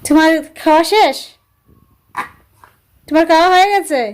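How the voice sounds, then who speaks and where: This is a young woman with a noticeably high voice, chatting casually in a family vlog. She gently coaxes her little ones, asking one short question after another. The tone is easy and homely, like a mother talking to her children. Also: normal speed. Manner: gently coaxing, asks many short repeated questions.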